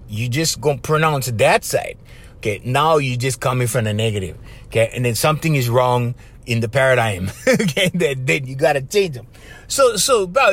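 A man with a Hawaiian Pidgin accent gives an informal motivational talk to viewers, sounding like a casual life coach. His slightly high, somewhat bright voice swings up and down a lot. Conversational throughout, he keeps checking in with "right?" and "okay?" as he makes his points.

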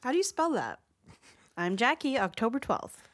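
A woman's voice: fairly high pitch, sing-song, moderate pace. A woman co-hosting a comedy podcast in casual, joking conversation. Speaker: podcast co-host. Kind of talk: comic casual banter.

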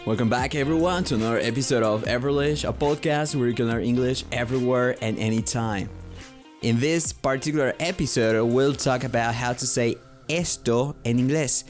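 A man hosting a podcast, teaching English pronunciation slowly and repeating each example phrase. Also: medium pitch, soft background music. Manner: slow, careful repetition of example phrases. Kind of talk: podcast language lesson.

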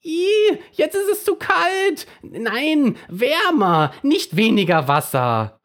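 Squeaky, whining toothbrush, childlike and demanding, very high and swooping for a storybook. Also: male voice, sing-song, measured pace, full character voice. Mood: whiny. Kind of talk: storybook reading.

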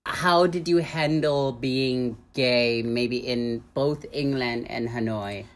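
A woman's voice: extremely low pitch, takes it slowly. A woman hosting a podcast, asking questions in casual chat and laughing along. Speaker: podcast host.

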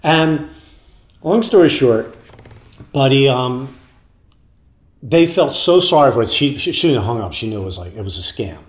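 A man spinning loose, rambling road anecdotes as an interview guest, mid-pitched and relaxed. His talk is full of restarts and asides. The recording carries a roomy echo. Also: a little slow, pauses often. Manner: animated anecdotes with put-on voices, loose and rambling. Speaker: guest musician. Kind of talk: casual storytelling interview.

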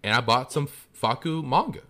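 A man's voice: mid-range voice, lively intonation, brisk, a crowd in the background. A man hosting an anime podcast with casual, laid-back chat. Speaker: podcast host.

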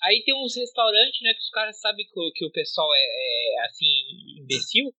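A woman's voice: mid-range voice, normal speed, bright, forceful tone, no echo, poor audio. A woman co-hosting a casual podcast who talks bluntly, mocks freely and swears. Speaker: podcast co-host.

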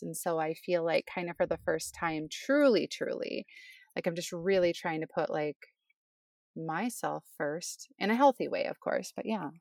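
Co-host type, a nurse, chatty woman recording inside a closet, dead dry sound, lowish voice. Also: vocal fry. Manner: chatty, relaxed, many "like" fillers. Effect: muffled closet sound, dry with no room echo. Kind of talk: casual chat between friends.

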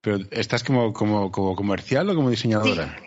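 A man's voice: on the low side, fast, darkish tone. A man hosting a casual interview, chatting informally and often repeating words as he goes. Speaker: podcast host. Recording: dull sound with faint noise.

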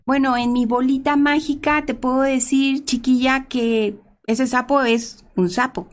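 A woman voicing a blunt old fortune-telling witch in a told fairy tale, speaking slowly and matter-of-factly. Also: high voice, fairly even intonation.

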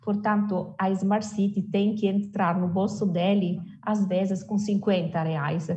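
A woman's voice: mid-range voice, fairly even intonation, unhurried, warm tone, highs cut off. A woman from Italy with an Italian accent in her Portuguese, explaining her views conversationally and emphatically as an interview guest, often posing questions and answering them herself.

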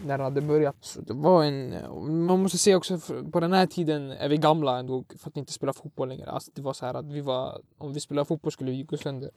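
A young man, telling stories in a casual chat, slangy and animated. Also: a little high, hardly any pauses, dry recording, studio quality. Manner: slangy, animated, many fillers, acts out voices. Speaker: podcast co-host, storyteller.

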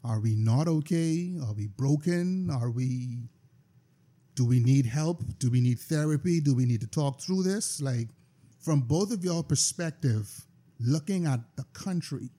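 A man hosting a podcast, asking probing questions in quick succession during a casual discussion. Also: medium pitch, lively intonation, warm tone, slightly rough. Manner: probing, fires off rapid questions. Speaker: podcast host.

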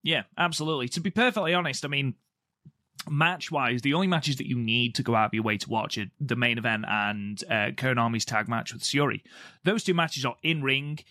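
A man's voice: mid-range voice, brisk, bright, forceful tone, dry recording, studio quality. Throaty, under-the-weather man co-hosting a podcast. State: ill with a cold-like throat from covid. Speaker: podcast co-host. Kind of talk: casual wrestling podcast chat.

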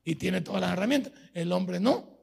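A man's voice: sits high, expressive, normal speed, creaky, husky. A man with a Salvadoran Spanish accent, a pastor preaching a sermon in a folksy way, full of everyday stories from home.

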